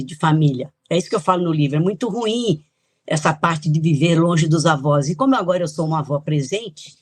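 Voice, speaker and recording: On a podcast interview, an older Italian author shares chatty personal stories about her life, with light laughs between thoughts. Her voice is medium-pitched. The sound is dry and close, without room echo.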